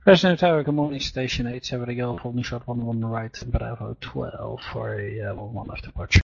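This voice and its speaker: A man with a gravelly, husky voice making pilot calls and readbacks on air traffic control radio. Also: mid-range voice, steady tone, a little fast. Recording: dull, dry radio audio.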